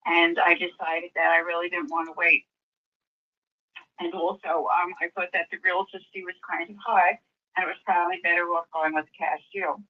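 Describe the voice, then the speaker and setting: Older woman on a muffled phone line. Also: on the low side. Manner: slow, plain answers, often asks to repeat. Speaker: homeowner selling a house. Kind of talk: phone conversation. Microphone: phone call.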